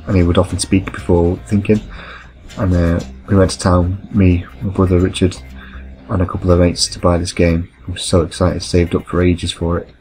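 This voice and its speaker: Man, 30s, deep-voiced let's-play commentator, rambling storyteller. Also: level tone, moderate pace, a little mellow, faint music behind, low-quality recording. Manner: rambling, anecdotal, self-correcting. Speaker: gameplay commentator. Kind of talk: casual storytelling over gameplay.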